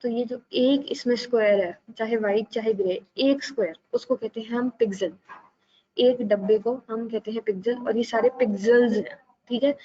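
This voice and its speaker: A woman teaching a live online design class, patient and steady, often checking that students follow. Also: a little high, lo-fi sound. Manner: patient, repeats "ठीक है" to check understanding.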